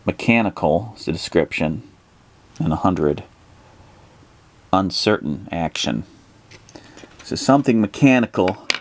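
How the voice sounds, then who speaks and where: A man's voice: sits low, animated, a little slow, pauses often, a little hiss or hum. A man narrating a solo tabletop adventure, thinking aloud with plenty of hesitations as he rolls and decides. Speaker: solo tabletop game player.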